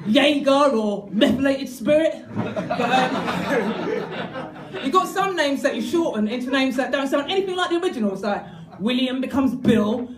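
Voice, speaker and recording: A woman performing a bawdy stand-up comedy set, shouting punchlines in put-on voices. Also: sits high. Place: comedy club stage with laughing audience. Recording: echoey club, crowd laughter.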